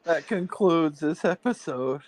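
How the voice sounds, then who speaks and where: A man's voice: fairly high pitch, animated, measured pace, no echo. A man co-hosting a podcast, chatting playfully and giggling often. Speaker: podcast co-host. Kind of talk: casual chat.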